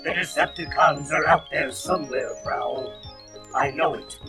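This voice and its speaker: A man's voice: fairly high pitch, a little slow, vocal fry, music in the background. A man voicing a fearless, determined robot leader on a 1980s read-along record. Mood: urgent.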